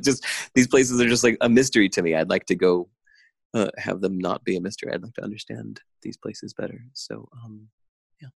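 A man's voice: low voice, vocal fry, no echo. A man talking as a podcast guest in casual conversation, intense and enthusiastic, laughing often, over a remote call.

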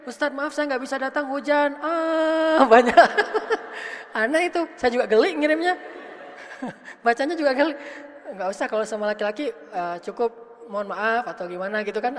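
Chatty woman preaching in an echoey hall. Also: fairly high pitch. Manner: chatty, asks the audience questions. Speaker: religious teacher. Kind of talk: casual, humorous sermon.

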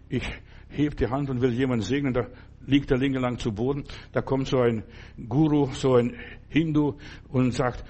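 An older male preacher delivering a loose, conversational sermon, often stopping to ask whether the listener understands. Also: medium pitch. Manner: conversational, keeps asking "verstehst du?".

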